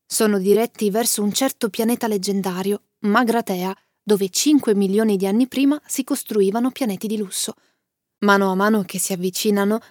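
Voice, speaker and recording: A woman narrating and summarising a story with clear, lively storytelling and asides to the listener. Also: medium pitch, dry recording, studio quality.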